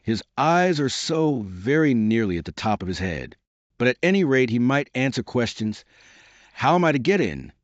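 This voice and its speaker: A man's voice: mid-range voice, very animated, moderate pace, no echo, muffled recording, close to an everyday voice. A man reading aloud and voicing a polite, curious young girl in a raised, earnest, questioning tone. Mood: puzzled.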